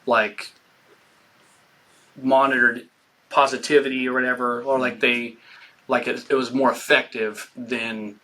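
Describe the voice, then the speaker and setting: A man, a guest who is an entertainer and pastor, talking casually in an interview, animated and jokey with lots of filler words. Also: mid-range voice, a little slow, long pauses.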